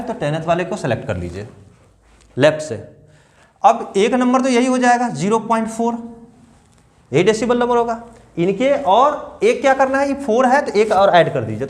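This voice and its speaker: A man teaching a math lesson to children, patiently repeating numbers step by step and asking them questions. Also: high-pitched.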